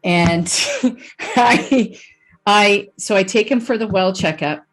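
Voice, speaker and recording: Speaking slowly in a mid-range voice, this podcast host shares a personal story during a casual conversational interview, chatting with frequent restarts and bursts of laughter.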